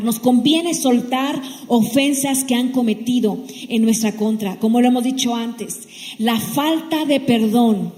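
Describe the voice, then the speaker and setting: A woman delivers a sermon in an earnest, exhorting way, restarting her phrases as she goes. Her voice is mellow and a little high. A long hall reverb hangs behind her words. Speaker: pastor. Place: church sanctuary.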